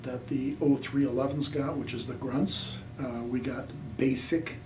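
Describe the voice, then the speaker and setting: At a measured pace, with fairly even intonation, this older Nebraska veteran speaks in a mid-range, slightly mellow voice. His oral history interview is plainspoken and rambling, full of fillers. An echoey room, a distant mic and faint noise come through.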